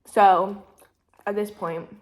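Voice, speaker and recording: A woman's voice: medium pitch, steady tone, slow, a little mellow. A young woman in her twenties chats on and on while she eats, full of "like" and "literally." Her talk is loose and meandering, and now and then she speaks around a mouthful of food. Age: 20s. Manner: chatty, rambling, heavy use of "like" and "literally". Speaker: vlogger. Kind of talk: casual mukbang chat.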